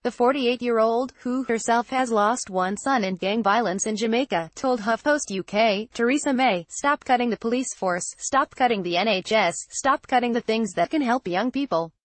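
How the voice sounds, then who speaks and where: A woman reading a news article aloud as scripted narration, in an even, flat delivery. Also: a little high, moderate pace, hardly any pauses, dry recording. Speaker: news reader.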